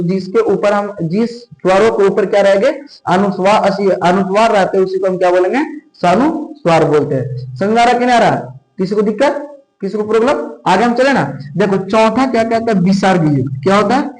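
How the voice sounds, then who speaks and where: A man's voice: sits high, a little fast. A male grammar teacher, giving a classroom lecture and constantly asking his class questions to check they understand. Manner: repetitive call-and-response questioning. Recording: roomy echo.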